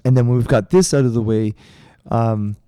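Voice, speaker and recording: Middle-aged male co-host, mellow and dry, rambling casual storyteller. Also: mid-range voice, steady tone, moderate pace, clear, resonant tone, dry recording. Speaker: podcast co-host, karate instructor. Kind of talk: casual chat.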